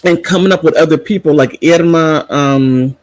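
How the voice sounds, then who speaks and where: A man's voice: a little high, normal speed, darkish tone, rough recording. A middle-aged man chatting in a casual vlog, sassy and digressive, wandering off topic and back. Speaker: vlogger.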